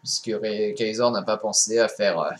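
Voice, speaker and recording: A man's voice: on the low side, fairly even intonation, normal speed, slight background noise. Rambling young man commenting a game. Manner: rambling, many fillers and restarts, swears casually. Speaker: gameplay commentator.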